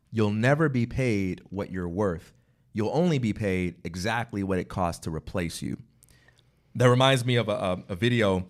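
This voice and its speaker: A man co-hosting a casual podcast, telling stories with lots of laughter and acted-out quotes. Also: fairly low pitch. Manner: animated storyteller, laughs often, acts out quotes. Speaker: podcast co-host. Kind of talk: casual chat.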